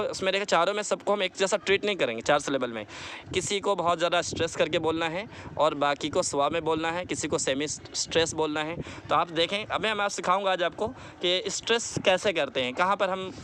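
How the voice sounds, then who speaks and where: A man teaching a spoken lesson, repeating words slowly for practice and mixing into his explanations. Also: high voice, a bit bright, a little hiss or hum. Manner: mixes English into explanations. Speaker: English teacher.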